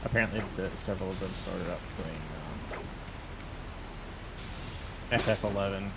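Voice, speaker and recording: A man's voice: deep voice, steady tone, normal speed, creaky, heavy background noise. A man making casual conversation with friends about games. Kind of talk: casual chat among friends over gaming. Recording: very loud music behind the voice. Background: music.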